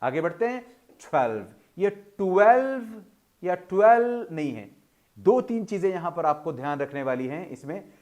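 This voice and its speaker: A man teaching English pronunciation in a video lesson, explaining in a formal tone with Urdu-flavoured words and slowly drawing out each example word. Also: on the high side, animated, darkish tone. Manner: slow, drawn-out model pronunciations between explanations.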